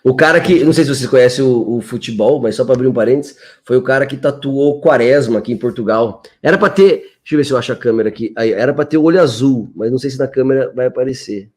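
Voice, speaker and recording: A man's voice: mid-range voice, fast talker, hardly any pauses, darkish tone. A man hosting a podcast over a video call, laid-back and slangy in casual chat. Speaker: podcast host. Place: home in Portugal.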